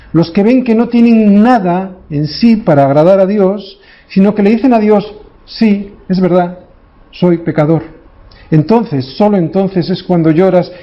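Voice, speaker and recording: A man's voice: sits high, highs cut off. A man preaching a sermon as pastor, in a preacherly way, often tagging his points with short questions to the congregation.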